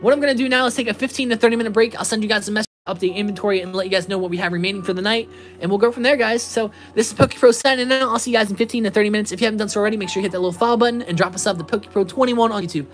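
A woman's voice: mid-range voice, rapid-fire, soft background music. A woman in her twenties streaming live, upbeat, reading out card names and answering chat as she opens packs. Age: 20s. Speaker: card-opening livestreamer. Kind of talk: live card-pack opening. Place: indoors at a table with a playmat.

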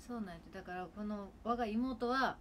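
A woman's voice: medium pitch, fast talker, slight background noise. A woman in her twenties from Kagawa, speaking in Kagawa dialect, rambling chattily during a casual livestream at home with her sister. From Kagawa, Japan. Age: 20s. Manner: rambling, chatty, with frequent fillers. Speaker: idol livestreamer.

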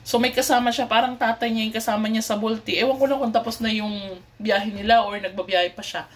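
A woman's voice: fairly high pitch, steady tone, brisk. A woman from the Philippines telling a story to her viewers in a casual, chatty way, mixing in English with many fillers and restarts. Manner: polite, addresses viewers often. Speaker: vlogger.

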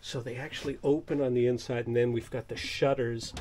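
A man's voice: medium pitch, steady tone, brisk, a little mellow. A man hosting a vlog, chatting casually and enthusiastically as he tours a boat. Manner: enthusiastic, exclaims often. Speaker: vlog host touring boats. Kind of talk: casual tour chat. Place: inside a boat cabin.

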